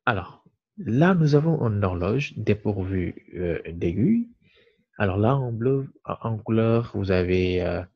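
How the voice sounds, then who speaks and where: Slow, husky male teacher, muffled recording. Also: lowish voice, dark tone. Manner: slow and deliberate, repeats key words. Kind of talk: explaining lesson to viewers.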